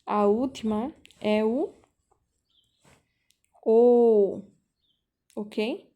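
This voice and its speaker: A woman teaching a language class over a video call, explaining slowly and patiently, repeating key points and checking in with the students. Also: a little high, fairly even intonation, phone-quality sound. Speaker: volunteer teacher.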